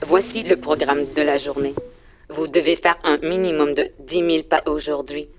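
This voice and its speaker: A performer voicing a synthetic phone assistant that reads out directions and reminders in even, clipped announcements. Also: medium pitch, moderate pace, lightly acted. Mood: flat. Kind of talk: voice assistant prompts.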